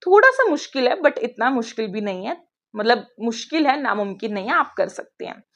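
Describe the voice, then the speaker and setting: A woman's voice: a little high, moderate pace. A young woman teaching an online grammar class, chatty, asking her pupils questions and answering them herself. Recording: dull lo-fi sound.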